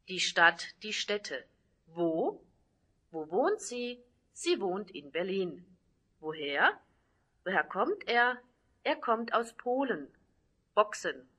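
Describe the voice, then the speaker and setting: A woman slowly reading out a German vocabulary list, single words and short example sentences with pauses between them. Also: mid-range voice, bright, forceful tone.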